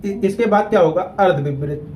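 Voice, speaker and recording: A man, teaching a grammar lesson at a whiteboard. He repeats key terms slowly and deliberately so students can keep up. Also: sits high, a little mellow, slight background noise, low-quality recording.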